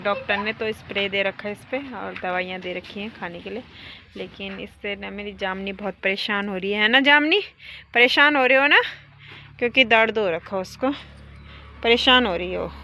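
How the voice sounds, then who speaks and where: A woman from Uttarakhand with an Uttarakhandi Hindi accent vlogging her village life outdoors, chatting to viewers and calling loudly to her cows. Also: mid-range voice, vocal fry, background noise. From Uttarakhand, India. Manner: chatty, switching to loud coaxing when calling her cows. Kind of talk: casual daily-life vlog narration. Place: outdoors around a village home and cowshed.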